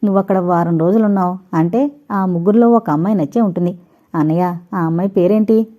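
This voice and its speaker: A woman's voice: on the low side, a little fast, phone-quality sound, lightly acted. A woman voicing a playful, scheming young man who teases and boasts, in an audiobook reading. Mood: boastful.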